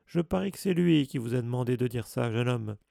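A man's voice: mid-range voice, animated, fairly quick, gravelly, warm tone, no room sound, clean studio sound. A man voicing a boisterous headless ghost knight who roars and teases in a jovial voice, in a storybook reading. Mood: mocking. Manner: roaring, jovial, teasing.

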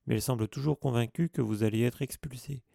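A man voicing a stern, self-important teenage boy prefect who scolds loudly. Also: mid-range voice, fast talker, creaky, dry recording, studio quality. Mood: scolding. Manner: indignant, scolding.

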